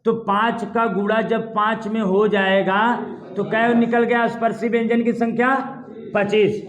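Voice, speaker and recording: A man teaching a Hindi exam-prep lesson at a board, lively, asking his students questions over and over. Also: sits high, moderate pace, roomy sound. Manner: lively, repeats questions to students, calls them "dear child". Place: classroom with a board.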